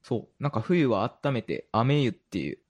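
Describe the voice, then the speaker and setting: A man's voice: medium pitch, very animated, moderate pace, husky. A man with an Osaka-area Kansai accent chatting casually and giggly as a podcast host. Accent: Kansai (Osaka-area) Japanese. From Kansai, Japan. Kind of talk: casual chat.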